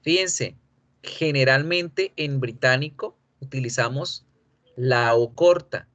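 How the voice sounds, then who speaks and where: A man's voice: mid-range voice, fairly bright tone, lo-fi sound. Male teacher running a pronunciation lesson, patient and repetitive. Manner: explains patiently, repeats model words slowly. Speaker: English teacher.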